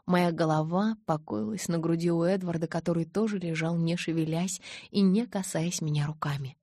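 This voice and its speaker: Husky-voiced woman narrating an audiobook. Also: fairly low pitch, moderate pace, dark tone, no echo, studio quality. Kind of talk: first-person audiobook narration.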